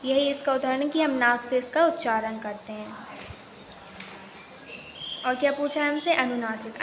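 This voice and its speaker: High-voiced woman teaching a grammar lesson. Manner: asks questions and answers them herself, spells out syllables. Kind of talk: primary school grammar lesson. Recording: echoey room with faint noise.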